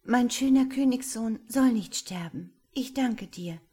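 A woman voicing a little female angel who pleads tenderly and tearfully in a raised, soft voice. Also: a little high, measured pace, breathy edge, voice pushed up. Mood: resolute.

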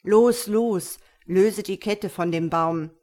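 A woman's voice: medium pitch, animated, moderate pace, natural voice. A woman doing a stern, commanding djinn. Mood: pleading. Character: proud male djinn in tiger form, stern and commanding.

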